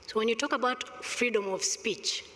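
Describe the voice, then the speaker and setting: A middle-aged woman with a Rwandan accent sits on a conference panel, her fairly high, slightly bright voice going into a gooseneck table microphone. She argues emphatically and deliberately, with pointed rhetorical questions, and the large indoor hall gives the recording a reverberant sound.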